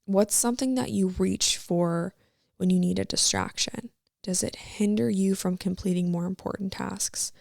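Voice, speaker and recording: A woman's voice: medium pitch, steady tone, moderate pace, vocal fry, darkish tone, no room sound, clean studio sound. A woman in her twenties hosting a casual devotional podcast, chatty and reflective, with lots of "like" and rhetorical questions. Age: 20s. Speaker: podcast host.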